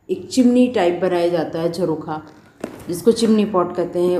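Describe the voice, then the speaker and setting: A woman's voice: medium pitch, dark tone, roomy sound, low-quality recording. A woman teaching English pronunciation, who drills each word twice and explains in Hindi. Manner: slow, drawn-out word drills, repeating each word; explains in Hindi, reads English sentences slowly. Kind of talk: pronunciation lesson.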